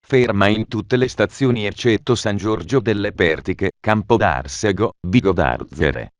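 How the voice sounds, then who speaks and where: A man's voice making automated train station announcements, formal and measured, with phrases stitched together. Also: fairly low pitch, no echo, studio quality.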